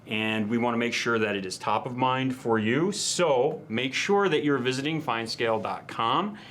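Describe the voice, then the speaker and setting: A man's voice: medium pitch, moderate pace, a bit bright, a little hiss or hum. A man co-hosting a hobby video show, chatting casually and drifting into playful wordplay. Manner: chatty, wordplay and rambling asides. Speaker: co-host. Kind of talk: casual chat.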